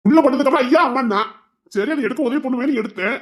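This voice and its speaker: A man's voice: very high voice, breathy edge. A man playing a cheeky young village man, who whines and protests his excuses. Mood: protesting. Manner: whining, protesting, rapid excuses.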